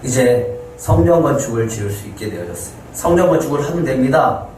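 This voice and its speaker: A man's voice: medium pitch, animated, brisk, a little mellow. A male pastor preaching a Sunday sermon, telling a scripture story and acting out the lines of its characters with rising emphasis. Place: church sanctuary. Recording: echoey room, heard from a distance, faint noise.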